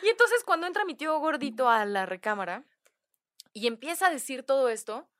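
A Mexican woman tells a family story in a casual podcast chat. Her voice is bright and a little high, and she acts out her relatives' lines as she goes. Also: very animated, a little fast. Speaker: guest storyteller.

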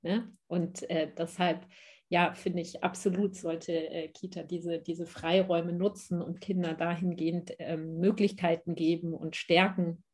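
A woman with a fairly low voice speaks as a guest expert in a podcast interview. She is soft-spoken and hesitant, and she pauses often on small filler sounds as she builds her points. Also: flat delivery, breathy edge. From Germany. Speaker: guest expert, social pedagogue.

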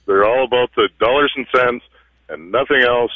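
A male caller talks over a thin, tinny phone line. He speaks in a measured way and often stops to restart a sentence. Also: medium pitch, dry recording. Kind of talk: call-in radio chat.

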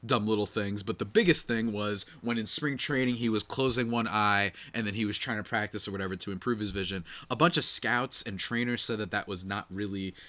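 Guy doing a sports podcast, kinda nasal and congested, punchy bright voice, slangy and animated, chats right at listeners. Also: lowish voice, fairly quick, few pauses. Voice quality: slightly nasal. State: congested from a cold night. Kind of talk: casual solo sports podcast commentary with ad read.

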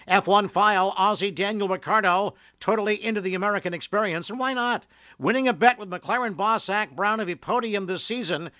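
A man hosting a motorsport news radio show in a brisk announcer style. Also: sits high, sharp tone, no room sound.

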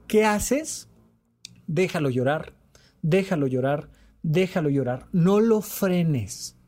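A man, a therapist hosting a podcast on emotional health, who talks in an animated way and hammers his points home by repeating them. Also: fairly high pitch, takes it slowly. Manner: animated, repetitive, acts out quoted dialogue.

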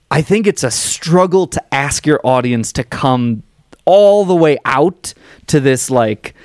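A man's voice: mid-range voice, a little mellow, dry recording, studio quality. Thoughtful man analyzing a musical. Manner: thoughtful, analytical, uses many "like" fillers. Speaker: podcast co-host discussing musical theater. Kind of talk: casual chat.

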